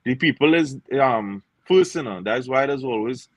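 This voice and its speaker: A man's voice: medium pitch, lively intonation, normal speed, no room sound, dull audio. A man from Trinidad, a singer chatting as a guest in an easygoing way with lots of fillers. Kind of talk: casual interview chat.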